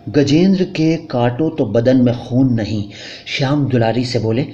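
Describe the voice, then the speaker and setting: A man narrating a story in a steady, plain reading voice. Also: mid-range voice, unhurried, husky. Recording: dull lo-fi recording.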